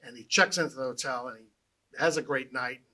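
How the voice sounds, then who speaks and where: A man telling jokes as a storyteller, with punchy delivery and slowed-down punchlines. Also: mid-range voice, pushed and bright. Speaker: joke teller.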